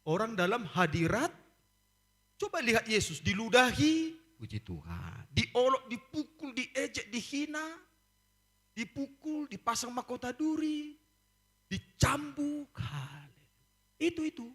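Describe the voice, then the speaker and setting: Pastor guy preaching, voice jumps all over, slow deliberate delivery. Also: extremely high pitch, husky. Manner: animated preaching, acts out quoted voices, laughs. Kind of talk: lively sermon.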